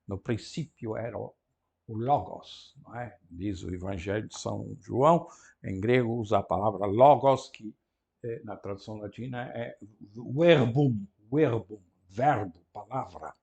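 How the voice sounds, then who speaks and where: A man with a European Portuguese accent teaching a Greek lesson, explaining patiently, often tagging his sentences with a question and repeating key words slowly. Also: fairly low pitch, vocal fry, darkish tone. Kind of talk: classroom lecture.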